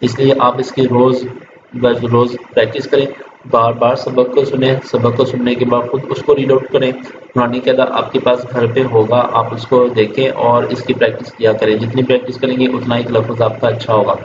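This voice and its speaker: A man teaching a reading lesson to children online. He spells out syllables slowly, then explains patiently. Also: mid-range voice. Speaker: Quran teacher. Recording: echoey room, dull lo-fi sound with steady noise.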